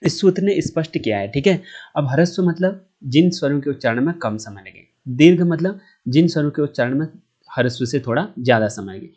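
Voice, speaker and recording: A man's voice: fairly high pitch, expressive, brisk, a little mellow. A man teaching Sanskrit grammar online. He explains step by step, asks himself questions and answers them, and stretches vowel sounds to show their length.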